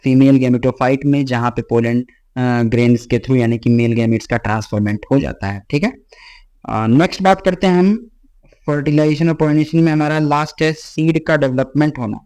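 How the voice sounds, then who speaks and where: A man teaching a biology exam-prep lecture. He mixes Hindi with English lines he reads slowly and keeps checking in with "theek hai.". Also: medium pitch, dark tone. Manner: repeats "ठीक है" as a check-in with students.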